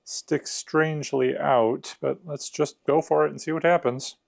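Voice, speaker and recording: Gravelly-voiced man giving a casual review. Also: on the high side, steady tone, a little slow, a little mellow. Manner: conversational, explanatory. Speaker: product reviewer. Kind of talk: casual hands-on unboxing and review narration.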